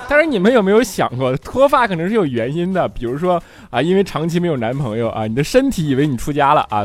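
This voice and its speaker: A man's voice: a little high, slight background noise. A man doing a stand-up comedy monologue, telling chatty stories and often checking in with the audience. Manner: chatty storytelling, keeps asking the audience "right?". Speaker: comedian host.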